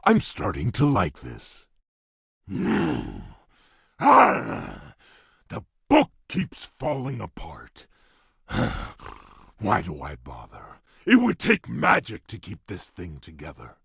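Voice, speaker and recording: A courtly fairy-tale beast prince for a video game, with a deep and heavily husky voice. He speaks slowly and formally, gruff yet shy and earnest. The sound is close and dry. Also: wildly swooping pitch, fairly bright tone, dry recording, exaggerated voice. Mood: frustrated, embarrassed. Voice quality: husky, deep, gravelly rumble. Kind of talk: video game character voice lines.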